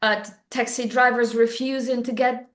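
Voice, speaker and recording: A woman with a North African, Tunisian accent and native Arabic tells a personal story in conversation. Her voice sits fairly high, and the recording has a clearly echoey, roomy sound. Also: little pitch movement, moderate pace, fairly bright tone.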